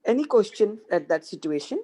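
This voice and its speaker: A woman's voice: mid-range voice, sing-song, a little fast, warm tone. A woman on a group call who describes her doubt in a searching way. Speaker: participant asking a question. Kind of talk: casual talk on a group call.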